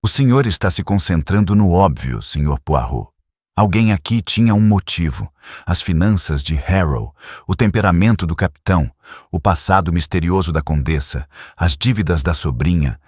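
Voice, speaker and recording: A stern police inspector, as a man reads him, lists facts bluntly and curtly. The voice is deep and husky, with a dry, close sound. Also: lively intonation, normal speed, darkish tone, no echo. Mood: accusing. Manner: curt, matter-of-fact. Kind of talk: audiobook character reading.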